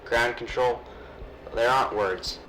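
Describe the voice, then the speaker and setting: A man voicing an astronaut on a spacewalk, speaking calmly over the radio from inside his spacesuit helmet with quiet awe and brief callouts. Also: mid-range voice, unhurried, faint music behind, rough recording. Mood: awed. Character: astronaut on a spacewalk, calm and awed. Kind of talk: amateur space-sim audio drama.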